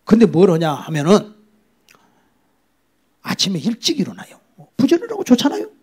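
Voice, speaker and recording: A man's voice: high-pitched, wildly swooping pitch, normal speed, a little mellow, husky. A middle-aged man preaching a sermon as a pastor, telling the story dramatically, acting out voices and dropping to whispers.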